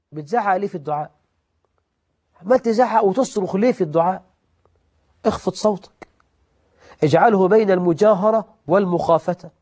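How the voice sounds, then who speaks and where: Animated Egyptian preacher, high voice. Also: male voice. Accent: Egyptian Arabic. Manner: animated, swings between loud emphasis and soft asides, slows for scripture. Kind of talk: sermon on prayer etiquette.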